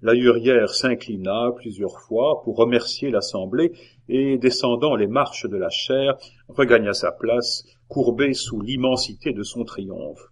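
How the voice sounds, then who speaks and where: A man's voice: mid-range voice, unhurried. Man narrating a classic novel. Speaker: audiobook narrator. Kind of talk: scripted narration.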